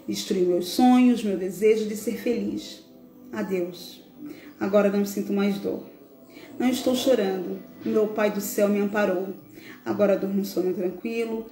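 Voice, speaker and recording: A woman with a mid-pitched voice reads a solemn text slowly, pausing between phrases. The sound is a roomy, echoey recording from a video call. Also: mellow. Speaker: live show host. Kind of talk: solemn reading of a tribute text.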